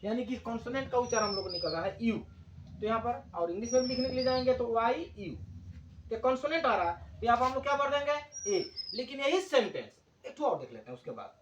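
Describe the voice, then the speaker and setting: A man teaching English grammar, explaining slowly in Hindi and repeating key words for his class. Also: very high-pitched, animated, roomy sound, background noise.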